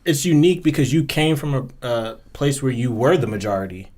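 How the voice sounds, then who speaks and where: A man steering a casual conversation with measured, probing questions. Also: mid-range voice, expressive, darkish tone. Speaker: interviewer.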